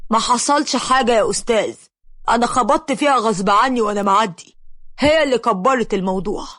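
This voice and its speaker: A woman's voice: on the high side, quick pace, a bit bright. A woman voicing a rude young man who dismisses the blame insolently, with an Egyptian accent. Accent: Egyptian Arabic.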